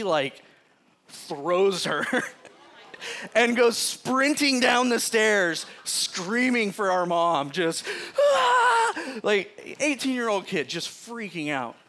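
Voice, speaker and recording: A man with a rather high, bright and forward voice preaches in an easy, conversational way. He tells stories with lots of energy and laughs as he goes. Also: takes it slowly. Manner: animated, chatty storyteller who often laughs mid-sentence. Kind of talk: casual sermon with personal storytelling.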